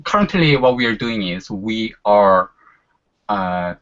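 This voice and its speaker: The recording is dull and lo-fi as a man in his forties, a native Korean speaker, makes casual conversation as a guest, often falling back on "you know." His voice is lowish, expressive and fairly bright, moving at a slow pace.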